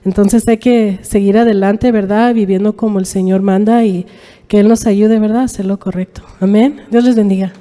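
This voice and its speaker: A woman's voice: medium pitch, steady tone, normal speed, dark tone. A woman giving a personal testimony in church, speaking conversationally in with many fillers and tag questions. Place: church sanctuary. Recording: reverberant church hall.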